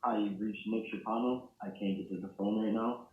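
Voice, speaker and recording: A man's voice: on the low side, steady tone, fairly quick. A man heard in a recorded answering machine greeting, played back over a phone call and read off as a plain scripted message. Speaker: person who owns the voicemail box. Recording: echoey phone line played from a computer speaker, faint noise.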